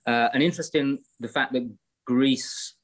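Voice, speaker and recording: With a mid-range voice, steady tone, and normal speed, a middle-aged Englishman who is a guest musician talks in a casual interview from his home room in Greece. He's on a video call via laptop webcam, musing in a rambling way full of fillers and restarts.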